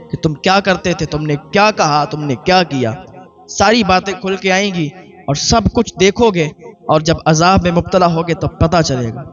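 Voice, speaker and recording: A man's voice: sits high, dull audio. A man preaching a sermon in Urdu, telling a moral story and acting out the characters' dialogue.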